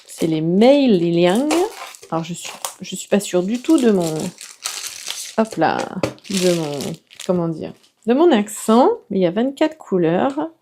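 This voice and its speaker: Mellow-voiced enthusiastic woman unboxing. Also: mid-range voice, big pitch swings, unhurried, slight background noise. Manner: enthusiastic and exclamatory, often hesitating. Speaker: watercolour artist and video host. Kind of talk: casual unboxing chat to viewers.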